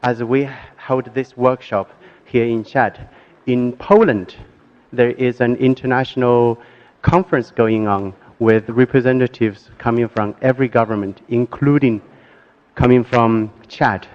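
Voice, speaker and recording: Guy presenting at a workshop, talks real slow for the interpreters, lots of ums, kinda muffled sound. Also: mid-range voice, fairly even intonation. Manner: careful, measured, with frequent fillers. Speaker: conference presenter. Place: workshop conference hall.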